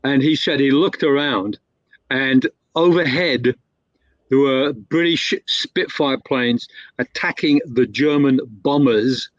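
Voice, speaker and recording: A male guest storyteller spins a long, casual anecdote, full of fillers, restarts and self-corrections. His voice is medium-pitched and slow, and the lo-fi recording sounds dull and dry, with no echo.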